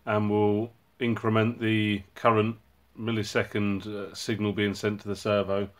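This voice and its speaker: This low-voiced man runs a robotics hobby channel and walks through his project at an easy pace. His tone stays steady and flat, and he stops often on uhs and ums while working out the specifics.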